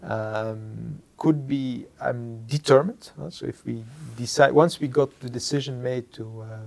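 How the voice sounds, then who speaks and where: This middle-aged company executive has a creaky, darkish voice at medium pitch and speaks Dutch with a Flemish accent. Reflecting on his leadership, he often pauses to grope for words and ends points with "huh?".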